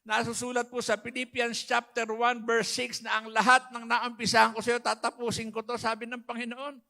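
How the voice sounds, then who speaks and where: Male pastor, emotional testimony sermon, high and bright, little pitch movement. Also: flat delivery, moderate pace, vocal fry. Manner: emotional, quotes scripture, addresses listeners as brothers and sisters. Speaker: pastor giving his testimony.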